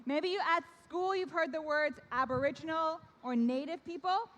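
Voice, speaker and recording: At a children's awards ceremony, the host, a young woman raised in Canada whose first language is Korean, gets the kids to call and respond. She talks at normal speed in a high, bright voice, with the long reverberation of a large hall around her.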